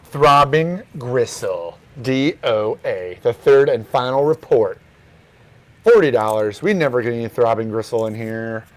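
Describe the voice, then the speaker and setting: A man hosting a record store's morning show, casually talking through records and their prices in an offhand, relaxed way. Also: mid-range voice, measured pace.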